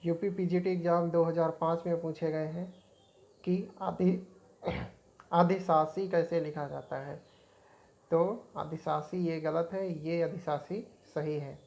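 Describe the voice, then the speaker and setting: A woman's voice: low-pitched, fairly even intonation, measured pace, darkish tone, dull audio. A woman teaching an exam-prep spelling lesson, repeating each word as she points out right and wrong forms.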